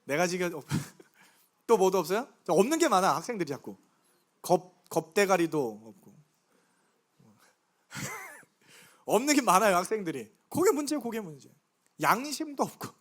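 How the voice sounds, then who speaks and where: A middle-aged man preaches a Sunday sermon in a church, his voice sitting fairly high. He talks in a chatty, conversational way and keeps throwing questions to the congregation. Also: big pitch swings, a little slow, pauses often. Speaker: pastor. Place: church sanctuary.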